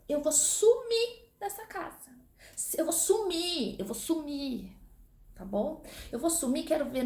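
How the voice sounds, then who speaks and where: A woman voicing an exasperated, guilt-tripping mother who scolds her children. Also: high-pitched. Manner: melodramatic, nagging, guilt-tripping. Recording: echoey room.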